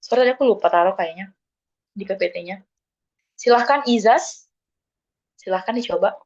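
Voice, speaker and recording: A woman's voice: mid-range voice, normal speed, darkish tone, muffled recording. A woman teaching a German lesson in an online class, calling on students by name and encouraging them.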